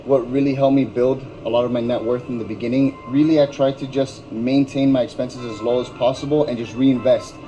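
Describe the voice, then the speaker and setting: A young man from Miami chatting easily in an interview, with a warm, mellow tone. He talks in a laid-back way, often saying "yeah, yeah." Soft music sits faintly in the background. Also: medium pitch, steady tone, a little fast, hardly any pauses, poor audio. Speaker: trader, interview guest. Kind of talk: casual conversation.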